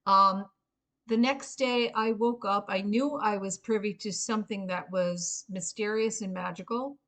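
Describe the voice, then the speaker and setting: Slow, halting middle-aged woman telling her story. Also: medium pitch, fairly even intonation, a bit bright. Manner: earnest, halting delivery with frequent pauses. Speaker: Reiki practitioner and memoir author pitching a book. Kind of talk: informal spoken video pitch, personal storytelling.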